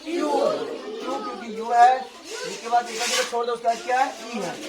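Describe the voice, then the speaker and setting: Woman teacher spelling words aloud, loud crowd. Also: fairly high pitch, flat delivery, fairly quick. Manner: spells words letter by letter, keeps asking students to confirm. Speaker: English pronunciation teacher. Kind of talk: classroom lesson.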